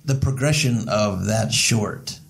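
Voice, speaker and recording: A man's voice: lowish voice, takes it slowly, gravelly, faint music behind. A man co-hosting a casual podcast in an echoey basement, informal and loose with swearing. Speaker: podcast co-host. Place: theater basement.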